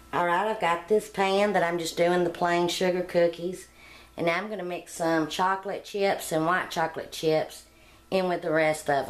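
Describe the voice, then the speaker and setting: A middle-aged woman hosting a home cooking channel, talking plainly step by step through a recipe in her kitchen. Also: fairly low pitch. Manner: homey, plain-spoken, step-by-step. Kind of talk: casual cooking demonstration voice-over.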